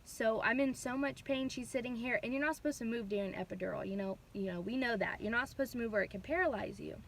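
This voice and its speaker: A young woman vlogger casually retelling a personal story, chatty and animated, with lots of fillers. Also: on the high side, fast, creaky, a little hiss or hum.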